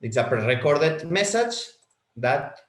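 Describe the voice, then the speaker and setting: Clicking through settings in a software webinar, a male product trainer whose first language is Spanish keeps halting and repeating words. His voice is a little high with big pitch swings, recorded in an echoey room.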